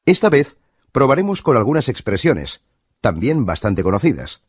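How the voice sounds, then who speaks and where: A man's voice: medium pitch, very animated, normal speed, husky, dry recording, studio quality. Spanish man narrating a language lesson. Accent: Spain Spanish. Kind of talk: scripted instructional narration.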